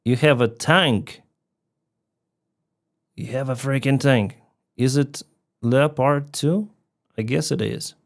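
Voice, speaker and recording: Speaking slowly with long pauses and some vocal fry, this medium-pitched man is from Crimea, speaks Russian natively, and has a Ukrainian accent. He's casually chatting on a live stream, frequently laughing and reading out the names of people who donate.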